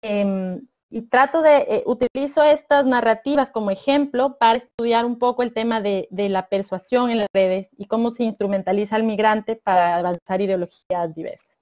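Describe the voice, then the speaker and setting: A woman in her thirties from Ecuador presents her doctoral work over a video call. Her voice sits a little high, and she explains things step by step, pausing and hesitating as she goes. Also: a little mellow. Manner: measured, explanatory, with frequent hesitations. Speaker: doctoral student panelist.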